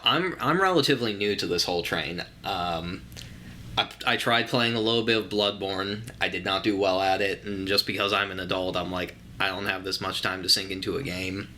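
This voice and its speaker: Young male co-host, low voice with a bright edge, easygoing explainer. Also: a little hiss or hum. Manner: easygoing, explains at length with fillers. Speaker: podcast co-host. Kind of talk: casual podcast chat.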